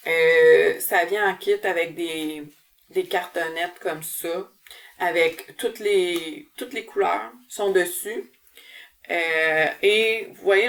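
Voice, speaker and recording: Recorded far from the mic, this cross-stitch channel host speaks in a fairly low, somewhat bright voice with a Québécois French accent. She's from Quebec, Canada, and her casual show-and-tell vlog is chatty, packed with fillers and restarts.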